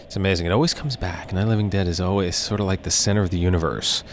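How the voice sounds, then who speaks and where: A man with a low voice hosts a horror-themed interview show in a casual, appreciative way. His phrasing is hesitant and drawn out. Some faint noise sits in the recording. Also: fairly even intonation, very fast.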